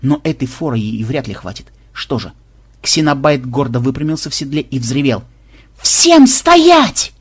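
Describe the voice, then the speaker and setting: Husky male audiobook narrator. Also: mid-range voice, fairly quick. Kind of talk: scripted narration.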